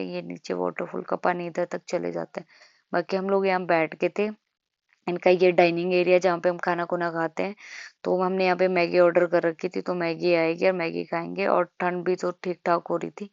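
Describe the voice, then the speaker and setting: A woman's voice: on the low side, vocal fry, a little mellow, no echo, highs cut off. A young woman from India narrating her travel vlog in a chatty, self-mocking way, talking straight to her viewers. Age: young adult. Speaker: travel vlogger.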